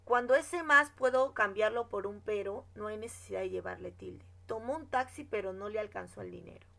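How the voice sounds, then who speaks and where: Slow-explaining woman teacher, gravelly edge. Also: medium pitch, a bit bright. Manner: explains slowly, checks with "¿no?" and "¿de acuerdo?"; reads example sentences aloud. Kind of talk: classroom grammar lesson.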